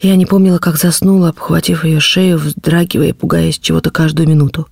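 A woman's voice: deep voice, little pitch movement, brisk, vocal fry, darkish tone, dry recording, clean studio sound. A woman reading a classic novel aloud as an audiobook, narrating in the first person with feeling.

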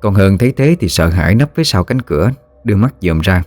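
Low-voiced male horror storyteller. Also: animated, fairly quick, a little mellow, no echo.

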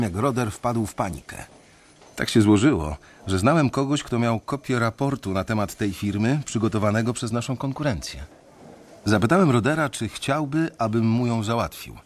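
An actor narrates a radio drama in the first person, playing a disillusioned young male bank analyst. He tells the story in a measured, reflective way, with a mid-range voice and lively intonation.

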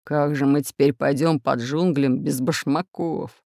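A gruff, impatient pirate, grumbling in a low, heavy voice, as a woman puts him on. The voice is recorded dry and close for a storybook. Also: fairly even intonation, fairly quick, a little mellow, no room sound.

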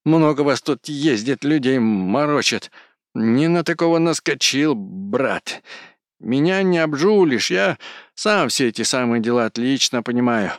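A man voicing a hot-tempered peasant man who screeches and shouts quarrelsomely. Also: medium pitch, animated, measured pace, no echo, clean studio sound, voice pushed up. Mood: ranting.

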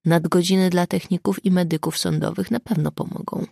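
A woman voicing a calm, dryly ironic police sergeant who answers in a cool, level tone in an audiobook. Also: on the low side, a little fast, creaky, dry recording, clean studio sound.

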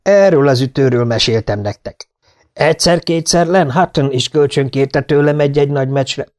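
A man's voice: mid-range voice, a little mellow, pitched above the performer's own voice, natural voice. A man voicing a big, hearty, boastful older sports fan who tells story after story. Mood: boasting. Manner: boastful, eager.

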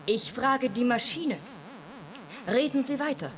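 A woman's voice: a little high, sing-song, measured pace. An actress playing an emotionless artificial young woman in a German radio drama, asking literal questions and making detached statements. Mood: cool, matter-of-fact.

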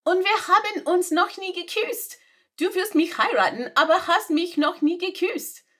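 A podfic reader performs a German audio drama, voicing a flustered young female assistant who answers in baffled, exasperated questions. Her voice is very high-pitched and fairly bright, and she speaks unhurriedly.

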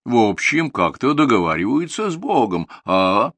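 A man's voice: medium pitch, very animated, moderate pace, fairly bright tone, husky, dry recording. A man voicing a mild, wry middle-aged father with a dry, teasing manner.

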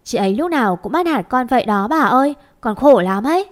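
A woman reading as a cheeky teenage younger sister who teases and tattles. Her voice is high and playful. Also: animated, a little fast, lightly acted. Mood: teasing. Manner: cheeky, teasing.

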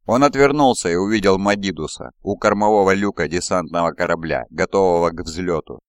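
Deep-voiced man narrating an audiobook. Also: clean tone, no echo, clean studio sound. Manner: measured dramatic reading.

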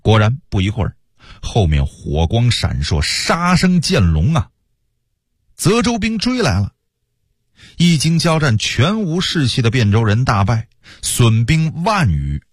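A man tells a historical story for the radio with humor and swing. His voice is husky, and his pitch moves up and down a great deal. It is recorded dry and close on a studio mic. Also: very animated, measured pace, no room sound.

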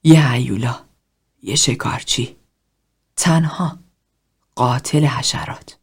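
A woman voicing a cold, self-loathing man, hushed and breathy. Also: exaggerated voice. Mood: anguished. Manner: low, hushed, half-whispered confession. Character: cold, self-loathing middle-aged man in group therapy.

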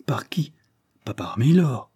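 A man reading an audiobook, voicing a nonchalant, joking young gentleman. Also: lowish voice, expressive, normal speed, slightly rough, no echo, studio quality. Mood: curious.

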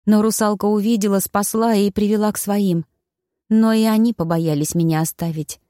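A woman telling a fantasy story in the first person as an audiobook narrator, with lively, expressive delivery. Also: medium pitch, normal speed, no room sound, clean studio sound.

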